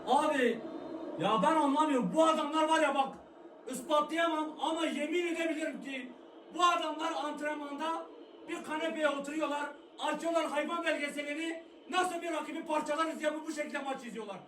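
A man reacting to a football match on TV, cursing and yelling at the players in exasperated rants. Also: very high-pitched, fairly even intonation, a little fast, roomy sound, far from the mic. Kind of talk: shouted live match reaction. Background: TV match broadcast with crowd noise.

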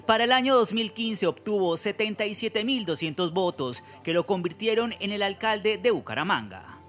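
A man's voice: sits high, expressive, a bit bright, faint music behind. A man narrating a formal news profile as a voice-over. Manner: formal, measured.

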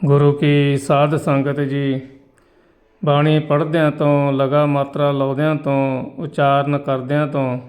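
A man's voice: on the high side, a little mellow. Formal devotional male recitation teacher. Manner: formal, devotional, corrects pronunciation. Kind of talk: recitation lesson and closing prayer.

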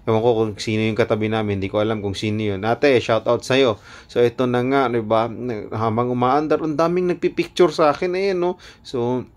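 Nagbibirong lalaking vlogger sa perya. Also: male voice, mid-range voice. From Philippines. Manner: joking, self-mocking, laughs often. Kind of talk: casual vlog narration. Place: outdoor night market and carnival.

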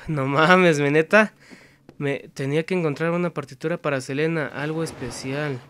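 Playing a horror game, this young Mexican-accented commentator curses nonstop, mutters to himself, and now and then shouts in fear. His voice is a little high, steady in tone, at a moderate pace. A little hiss or hum can be heard.

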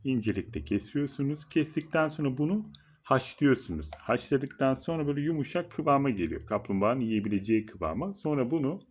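A man's voice: fairly quick, slightly rough. Man cooing and explaining to viewers. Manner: coos at his turtle in a high, excited baby-talk voice; calm, low explaining voice to viewers. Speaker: channel host. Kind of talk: casual pet-feeding vlog.

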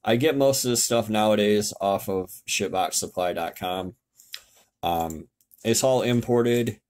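Speaking from indoors at home, this car tech YouTuber walks through fuel systems on a screen share. His voice is fairly low, unhurried and a bit mellow, and his casual, blunt delivery includes the odd curse word and frequent self-corrections.

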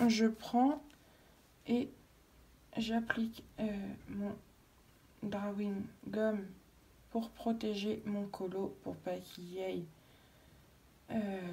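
A woman's voice: mid-range voice, dark tone, a little hiss or hum. A woman explaining a craft technique at home as she works, hesitating often with fillers and restarts. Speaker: craft tutorial vlogger. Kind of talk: casual demonstration while working. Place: at home, daughter nearby.

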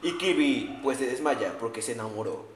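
A man's voice: mid-range voice, expressive, normal speed, slight background noise. A young man narrating a video game in a crude, slangy, mocking comic style. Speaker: parody narrator. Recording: echoey room with long reverb, faint music. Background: faint music.

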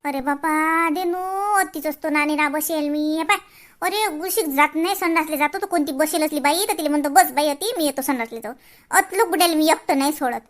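Very high-voiced, chattering old grandmother. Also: a little fast. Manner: chattering and complaining. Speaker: comedy sketch actor. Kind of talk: rural comedy sketch.

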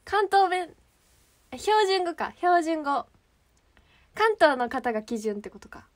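A woman's voice: very high-pitched, sing-song, unhurried. A young woman with a Kansai accent chatting casually on a livestream, rambling and often searching for words. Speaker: idol livestream host.

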